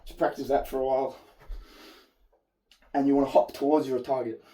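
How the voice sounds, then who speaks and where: A man with a mellow, hoarse voice that is giving out teaches technique in an informal, explanatory way. He is recorded at some distance from the microphone, as an instructor demonstrating moves. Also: medium pitch, flat delivery, brisk. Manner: informal, explanatory, occasional swearing. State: losing his voice, hoarse from a fever. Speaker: martial arts instructor. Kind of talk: spoken technique tutorial with demonstration. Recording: distant mic.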